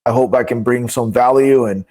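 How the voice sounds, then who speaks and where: A man's voice: mid-range voice, normal speed, warm tone. A young man from Guatemala, a podcast guest, chatting casually, often laughing and repeating words as he starts sentences. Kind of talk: casual chat.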